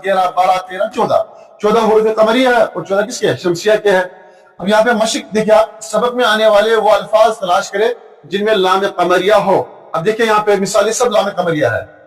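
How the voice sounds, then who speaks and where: A man with an Indian accent teaching an Arabic grammar lesson, reading out examples and counting them off patiently. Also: sits high. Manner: explains slowly, counts and reads examples aloud. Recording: echoey room, voice from far off.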